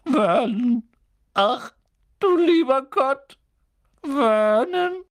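Reader doing a shrill, anxious aunt. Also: lively intonation, extremely slow, heavily acted. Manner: trembling, anxious.

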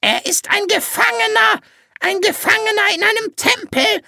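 A reader voicing a squawking, cranky male parrot in an audiobook, creaky and scolding. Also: extremely high pitch, moderate pace, pushed and bright, no echo, studio quality, voice pushed up, heavily acted. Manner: scolding, impatient. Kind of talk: audiobook character voice.

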